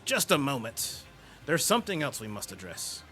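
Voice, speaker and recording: Guy doing strict pompous student from a game, stern n formal, very animated. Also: medium pitch, normal speed, soft background music, voice pushed up. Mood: stern indignation. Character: stern, rigid, rule-obsessed male student.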